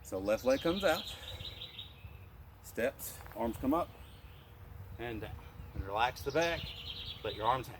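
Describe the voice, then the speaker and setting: A man leads a gentle qigong class, his voice steady in pitch and unhurried as he cues each breath in and out. He gives simple, instructive directions for every movement. Faint outdoor noise with birds sits behind him. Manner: calm, instructive, cueing breaths. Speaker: martial arts instructor.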